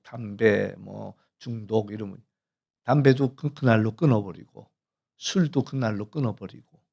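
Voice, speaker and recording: A man preaching in a church as its pastor, with a gravelly, rough-edged voice at an ordinary pitch. He tells stories in a relaxed, conversational way and clears his throat now and then. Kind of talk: sermon with storytelling. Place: church sanctuary.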